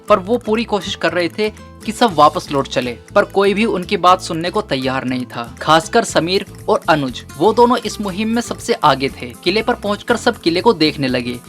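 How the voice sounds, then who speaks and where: A man narrating a comic ghost story about a school trip in a brisk, matter-of-fact way. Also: high voice, fairly bright tone. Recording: faint background music.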